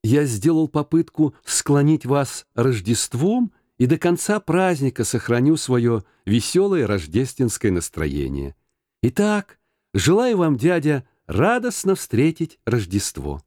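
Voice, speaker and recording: A man's voice: medium pitch, big pitch swings, unhurried, warm tone, no echo. A man voicing a cheerful, earnest young man who pleads eagerly with his uncle, in a dry audiobook reading.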